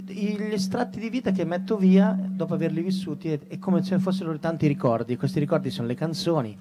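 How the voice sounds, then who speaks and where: A man's voice: fairly high pitch, fast. A man, a singer-songwriter being interviewed, speaking reflectively and searching for words. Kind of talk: interview conversation.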